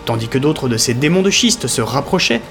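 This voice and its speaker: Guy narrating an audio story, super animated, soft music behind. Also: medium pitch, brisk. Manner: dramatic storytelling, lively. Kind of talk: scripted narration.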